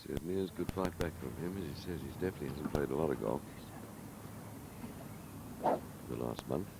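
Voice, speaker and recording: A man giving live golf commentary in a measured, conversational, analytical way, with a gravelly voice. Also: a bass voice. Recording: very noisy outdoor broadcast sound.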